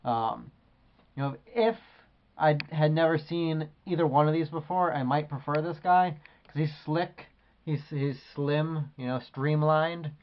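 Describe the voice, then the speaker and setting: A man's voice: on the high side, measured pace, lo-fi sound. A man reviewing an action figure in a casual, rambling way with many hesitations. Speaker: toy collector reviewer.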